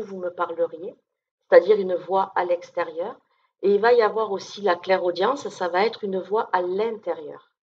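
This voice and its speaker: A down-to-earth woman talks to an audience in an informal, chatty way, filling pauses and checking in as she goes. Her voice sits a little low. The recording sounds dull and lo-fi. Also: husky. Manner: down-to-earth, chatty, many fillers and check-ins. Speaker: medium giving a talk. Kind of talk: informal conference talk to an audience. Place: conference room with an audience.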